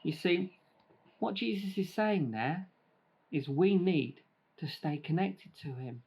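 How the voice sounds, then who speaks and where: A man's voice: sits high, slow, husky. Playful man giving a children's talk. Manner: lively, playful, eats grapes while talking. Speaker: children's church leader. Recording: dull lo-fi recording.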